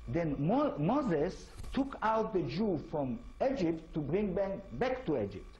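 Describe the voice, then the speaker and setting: A man's voice: fairly high pitch, big pitch swings, slow, mellow, muffled recording, a little hiss or hum. A man from Israel, speaking English with an Israeli accent, gives an informal lecture as an author and keeps asking his audience rhetorical questions. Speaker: author giving a talk.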